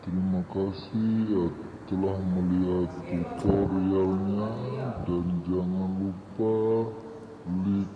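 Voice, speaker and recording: A man's voice run through a demonic voice changer app, turning him into a slow, flat devil voice reading a channel greeting. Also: crowd noise. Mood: droning. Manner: slow, flat, drawn-out delivery. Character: male devil voice from a phone app. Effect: demonic voice changer filter, deep and slowed. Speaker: tutorial host. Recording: dull, echoey phone app playback over music.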